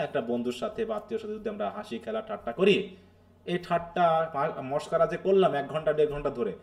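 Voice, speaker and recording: Bangladeshi guy lecturing students, kinda high voice, keeps asking them questions. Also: a little mellow. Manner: explanatory, asks students questions, mixes English phrases. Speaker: teacher. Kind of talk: live online literature lecture.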